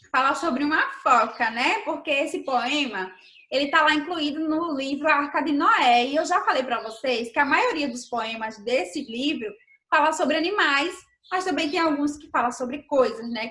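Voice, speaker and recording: A woman's voice: sits high, animated, moderate pace, bright, forceful tone, echoey room. A Brazilian woman teaching a primary school class in a remote lesson, patient and explanatory, often checking in with the children. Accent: Brazilian Portuguese.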